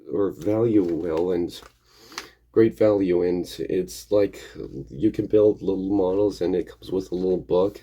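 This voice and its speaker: A man with a low, mellow voice that sounds gravelly and a bit hoarse, as if getting over an illness. He talks casually as a vlog host. His delivery rambles and hesitates, circling back over the same points. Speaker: video host.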